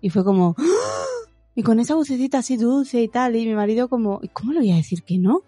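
A woman's voice: on the high side, fast, mellow, no echo, soft background music. A woman in her thirties chatting casually about her toddler, acting out the child's sweet voice at times. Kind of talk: casual parenting chat.

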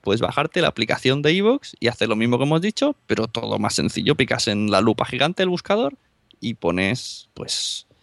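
Spanish guest podcaster, gravelly voice, dry sound, easygoing. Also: male voice, mid-range voice, big pitch swings, normal speed, fairly bright tone, no room sound. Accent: Spanish (Spain). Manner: laughs often, anecdotal. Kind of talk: casual chat.

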